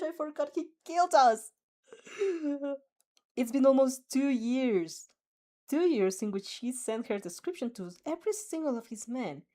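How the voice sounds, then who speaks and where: With a high, warm voice, a young woman streams herself reading a fanfic aloud, reacting and chatting casually with viewers. She's giggly, rambles, and gets flustered easily.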